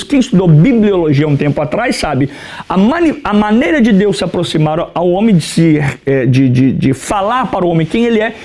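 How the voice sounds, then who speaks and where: A man, a pastor, teaching an Old Testament class and asking his students questions that he then answers himself. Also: high-pitched. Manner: animated teacher who asks questions and answers them himself; keeps telling students to write things down.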